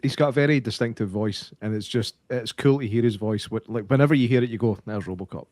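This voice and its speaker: A man co-hosting a casual podcast chat, opinionated and quick to laugh. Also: medium pitch, a little mellow, dry recording.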